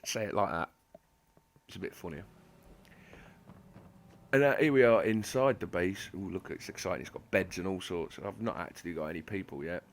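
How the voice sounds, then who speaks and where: A man's voice: low-pitched, a little hiss or hum. A man giving gameplay commentary in a sarcastic, self-mocking, rambling way, with a slight lisp from toothache. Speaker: gaming channel host.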